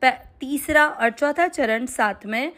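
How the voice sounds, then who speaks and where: Syllable by syllable, a woman walks listeners through a Sanskrit verse in a slow recitation lesson. She teaches Sanskrit pronunciation, speaking with great patience and very slowly in a slightly high voice, stretching out long vowels.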